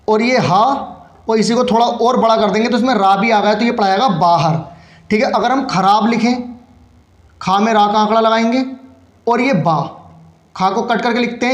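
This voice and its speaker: Guy teaching shorthand slow and patient, echoey room. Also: high voice. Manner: patient, explains each stroke while writing. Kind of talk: step-by-step shorthand lesson.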